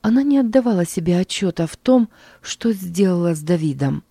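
A woman narrating an audiobook in a measured storytelling manner, close to the mic. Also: fairly low pitch, animated, warm tone, husky, no room sound. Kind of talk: scripted narration.

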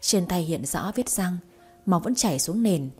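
Mellow, husky woman narrating a story. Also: lowish voice, normal speed, soft background music. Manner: steady, expressive storytelling. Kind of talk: audiobook narration.

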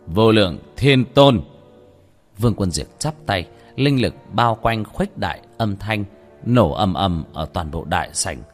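A man narrating a dramatic horror story in an expressive, lively way. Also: low voice, unhurried. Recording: faint background music.

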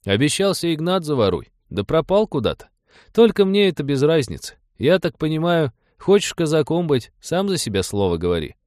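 A man's voice: fairly high pitch, big pitch swings, a little fast, darkish tone, no room sound, voice pushed up. Wry, unflappable peasant cossack, dry retorts, read by a male narrator. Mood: polite. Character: wry grown peasant man turned cossack, calm.

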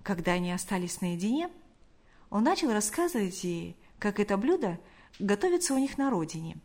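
A woman's voice: mid-range voice, sing-song, brisk, darkish tone. Woman narrating an audiobook. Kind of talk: scripted narration.

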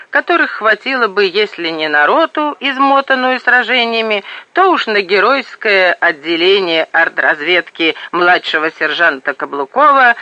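High, bright-voiced male audiobook narrator. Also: no echo. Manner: lively, vivid storytelling. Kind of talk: expressive audiobook reading. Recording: dull lo-fi audio.

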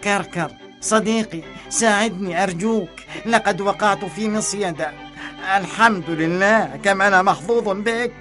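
A man's voice: normal speed, music in the background, lightly acted. A man voicing an anxious, self-pitying male fox in a children's storybook, with a whiny, pleading manner. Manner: whiny, pleading, high-pitched squeal.

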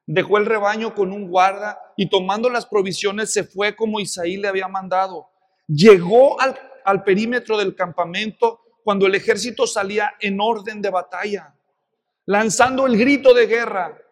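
A man with a Mexican accent preaching a sermon, telling a Bible story in a lively way with many rhetorical questions. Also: high voice, normal speed, in a large hall. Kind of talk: expository sermon.

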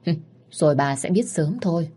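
A woman's voice: low voice, animated, normal speed, breathy edge. Woman voicing a furious protective mother. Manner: shouting, scolding.

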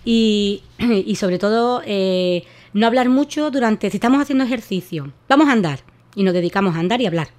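A woman's voice: medium pitch, lively intonation, moderate pace, darkish tone. Woman on radio explaining voice care, lots of eh and restarts. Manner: explanatory, many fillers and restarts. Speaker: voice therapist guest. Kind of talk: radio interview advice.

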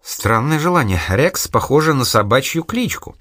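A man reading an audiobook, voicing a lively, teasing young woman who sells food on the street. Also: mid-range voice, normal speed, dry recording, clean studio sound, pitched above the performer's own voice. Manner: chatty, teasing, curious.

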